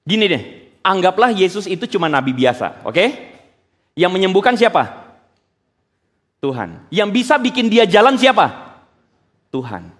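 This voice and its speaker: A man preaching a sermon in an animated way, full of rhetorical questions and casual slang, in a church hall. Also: sits high, measured pace, pauses often. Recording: long hall reverb.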